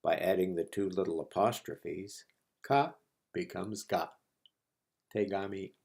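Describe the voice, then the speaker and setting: A man teaching a language lesson, repeating each word slowly and patiently for learners. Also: low-pitched, creaky, darkish tone. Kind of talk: slow, patient lesson narration.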